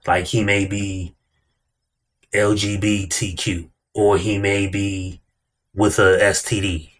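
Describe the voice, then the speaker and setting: A man's voice: fairly low pitch, level tone, slow pace. A man giving blunt, slangy, casual commentary as a reaction host, hammering points through repetition.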